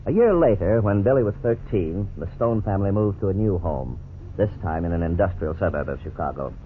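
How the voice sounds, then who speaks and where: A deep, low male voice narrates gravely and at a measured pace, in the scripted manner of 1950s radio, while staying expressive. The sound is thin, tinny and phone-like, like an old radio broadcast with faint hiss behind it.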